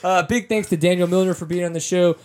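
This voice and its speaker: A male podcast host talks in a loose, easygoing way and keeps circling back to restart his phrases. His voice sits a little high for a man, and laughter keeps slipping into the chat. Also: steady tone, fast talker, darkish tone.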